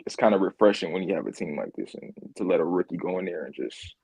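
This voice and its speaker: Male podcast co-host, mellow husky low voice, rambling casual sports talk. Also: expressive, fast talker, dry recording, rough recording. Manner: rambling, repeats words, laughs easily.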